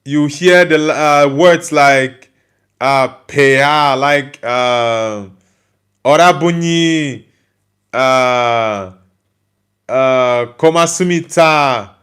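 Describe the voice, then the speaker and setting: With a medium pitch, drawn-out words and a smooth, fairly bright tone, a young Nigerian man hosts a football live stream. He reads viewer comments in loose, casual chat, with many fillers and restarts.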